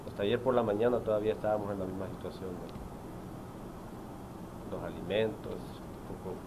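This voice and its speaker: A man's voice: on the low side, flat delivery, moderate pace. A man from Honduras giving personal testimony at a press conference, hesitant and repeating words. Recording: noisy press room audio.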